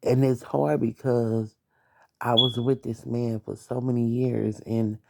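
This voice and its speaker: A woman's voice: a bass voice, level tone, slow pace, gravelly, noisy background. A young adult woman hosting a late-night podcast, venting bluntly about her ex, swearing and talking straight at him. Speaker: podcast host.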